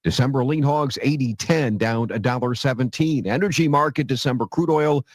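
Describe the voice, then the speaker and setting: A man's voice: mid-range voice, normal speed, no room sound. Male radio market reporter, dry studio sound, reading stock prices in clipped figures.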